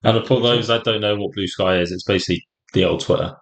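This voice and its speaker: Deep-voiced English male co-host, fast and offhand. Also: steady tone, poor audio. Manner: quick, rambling, offhand. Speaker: podcast co-host. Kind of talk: casual chat.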